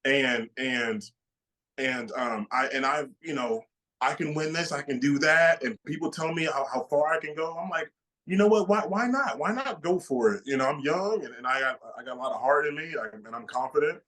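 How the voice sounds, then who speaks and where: A man in his late twenties, a bodybuilder guest, answering interview questions in an excited way with many repeated starts. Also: fairly high pitch, normal speed, rough recording. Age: 20s.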